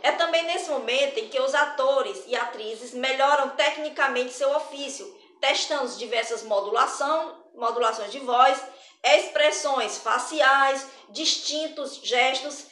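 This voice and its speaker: A woman's voice: high-pitched, measured pace, bright, forceful tone. A woman teaching an arts lesson in a chatty, explanatory way, with many hesitations and restarts. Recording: roomy echo.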